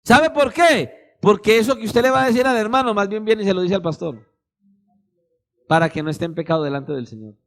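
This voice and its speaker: A man's voice: high-pitched, lively intonation, brisk, fairly bright tone. A man preaching a sermon as pastor, emphatic and speaking straight to his listeners. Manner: emphatic, addresses listeners directly, acts out little dialogues.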